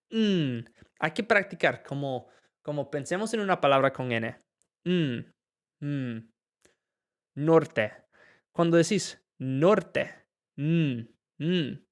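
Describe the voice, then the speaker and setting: A man teaching English in a relaxed live-stream Q&A, chatting casually, reading viewer questions aloud and mixing Spanish with English. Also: on the high side.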